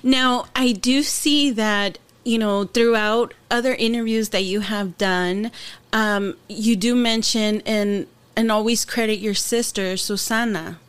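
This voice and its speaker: A woman's voice: medium pitch, fairly even intonation, unhurried, clear, resonant tone. A woman from Los Angeles who hosts an interview, asking questions in a chatty, friendly way. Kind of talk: casual interview talk.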